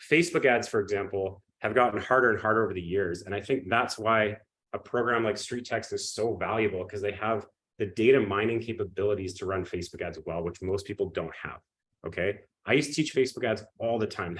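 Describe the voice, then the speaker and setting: Sniffling and coughing from a cold, a male webinar presenter delivers a lively live pitch and keeps checking in with those watching.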